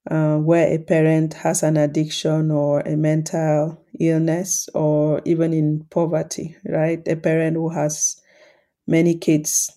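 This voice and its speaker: A woman from Cameroon with a low, mellow voice hosts a solo podcast as a coach. She comes across as calm and reflective, explaining things as she talks.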